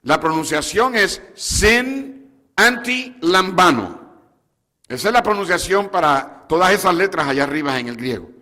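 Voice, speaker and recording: A pastor preaching in a church, his voice high for a man and bright. He calls out questions to the congregation, and a long hall reverb trails after his words. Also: animated, a little fast, hardly any pauses. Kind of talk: sermon. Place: church sanctuary.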